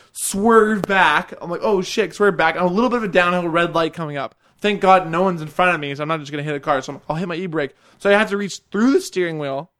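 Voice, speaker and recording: A young man telling a rambling, animated story in casual chat, swearing freely and laughing through it. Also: high voice.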